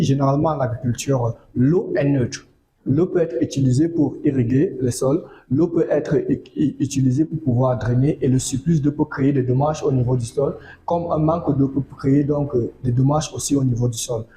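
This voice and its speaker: A man giving a measured farming talk, repeating phrases and using fillers. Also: medium pitch, dark tone, roomy sound, slight background noise. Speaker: agricultural educator. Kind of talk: informative monologue.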